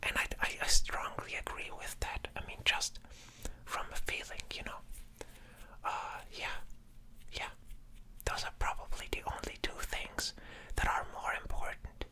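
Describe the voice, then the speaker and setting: A person speaking in a breathy whisper in a casual ASMR ramble, sounding sleep-deprived and hesitant, often trailing off and starting thoughts again. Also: a little slow, pauses often, sharp tone. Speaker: ASMR creator.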